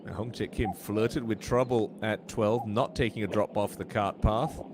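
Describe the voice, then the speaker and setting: A man working as a golf commentator, giving measured live play-by-play with short observations on each shot. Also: fairly low pitch, fairly even intonation. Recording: loud ambient noise throughout.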